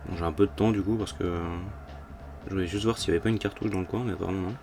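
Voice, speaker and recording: A man's voice: deep voice, steady tone, rapid-fire, gravelly. A man giving casual, rambling, jokey commentary as he plays through a video game. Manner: rambling, jokey, mild swearing. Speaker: gaming video host. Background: game music.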